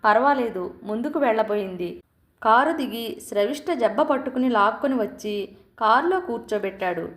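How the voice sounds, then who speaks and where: A woman reading a story aloud in a calm, measured scripted narration. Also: fairly high pitch. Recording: roomy echo.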